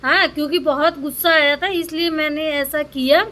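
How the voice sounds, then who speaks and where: A woman's voice: sits high, steady tone, normal speed, pushed and bright. A young woman, telling a family quarrel in a casual vlog in an aggrieved, complaining way. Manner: aggrieved, complaining, repeats "bhai" often. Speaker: vlogger.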